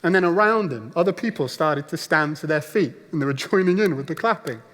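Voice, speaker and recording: A man delivers a sermon as a storyteller, now and then slipping into the voices of the people in his story. His voice sits a little on the higher side. The sound carries the long reverb of a large church hall. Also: expressive, fairly quick, fairly bright tone. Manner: storytelling, acts out voices of the crowd. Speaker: pastor. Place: church auditorium.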